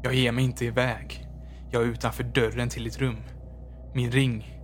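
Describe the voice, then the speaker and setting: A man's voice: mid-range voice, flat delivery, a little hiss or hum, lightly acted. A man voicing the menacing ghost of a dead man who has come back for his stolen ring.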